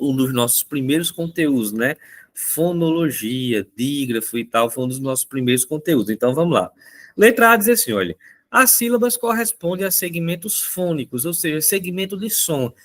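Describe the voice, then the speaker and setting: A male teacher from Brazil walks through exam answers in a recorded session, chatting casually and repeatedly checking in with his students. His intonation rises and falls a lot, and his voice is on the high side and a bit bright.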